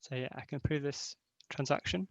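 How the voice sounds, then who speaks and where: A man giving a casual software demo over a video call while sharing his screen, with many filler words. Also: on the high side, brisk, vocal fry, no echo. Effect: voice heard over a video call while sharing his screen. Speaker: hackathon team member giving a demo. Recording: dull, dry video call audio.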